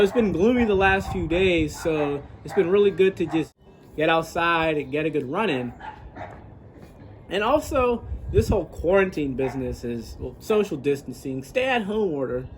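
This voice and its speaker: A man's voice: high-pitched, animated, moderate pace, slight background noise, poor audio. A man who works as a coach, thinking aloud in a casual, reflective, rambling vlog monologue outdoors. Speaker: fitness coach and gym owner vlogger.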